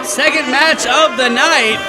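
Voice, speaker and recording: A man doing live color commentary at a wrestling show, joking and excitable and raising his voice to be heard. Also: very high voice, slow. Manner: joking, excitable, shouts over the crowd. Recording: loud crowd and entrance music behind.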